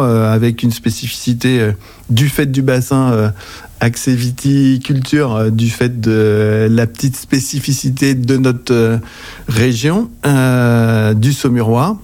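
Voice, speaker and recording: This mellow, mid-range voice belongs to a man in his forties from Anjou in western France, who speaks with a French accent. Interviewed on site in an office as the director of an accounting agency, he gives informative answers but hesitates and halts constantly.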